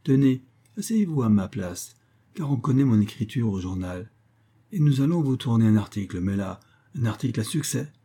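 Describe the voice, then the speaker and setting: A man's voice: medium pitch, sing-song, moderate pace, warm tone, husky. A man reading aloud and voicing a poised, self-assured young woman writer who talks in a light, teasing, gracious way. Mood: playful.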